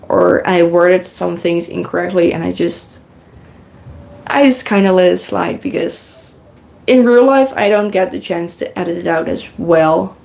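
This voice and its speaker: A woman with a fairly low, gravelly, slightly mellow voice chats through her knitting live stream, wandering between topics and thanking people in the chat. Dutch is her first language, and she uses a good podcasting mic.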